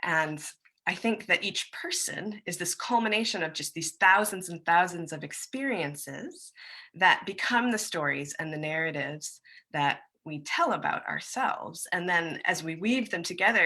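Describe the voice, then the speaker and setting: A woman's voice: fairly low pitch, expressive, unhurried, sharp tone. An American woman giving a friendly, chatty conference presentation over a video call, with plenty of loose fillers. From United States. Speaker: presenter, musician and songwriter.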